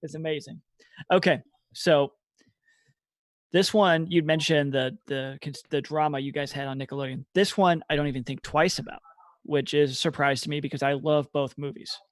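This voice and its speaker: A man co-hosting a casual podcast debate, enthusiastic and animated as he argues his pick. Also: on the high side, moderate pace, dry recording. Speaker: podcast co-host.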